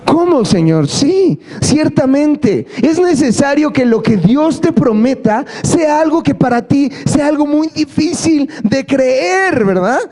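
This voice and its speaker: A man's voice: very high voice, expressive, slow, few pauses, a little mellow. A man preaching a playful, joking sermon, often asking the congregation for amens. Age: adult. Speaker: pastor. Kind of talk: lively sermon. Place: church service.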